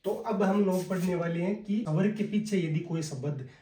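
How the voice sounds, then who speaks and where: A man with a Hindi accent teaching a casual spoken lesson, drilling words slowly one by one and calling his viewers brother. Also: high-pitched, warm tone. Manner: slow and repetitive, drilling words one by one, addresses viewers as "bhai". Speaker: language teacher. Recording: echoey room, voice a bit far from the mic.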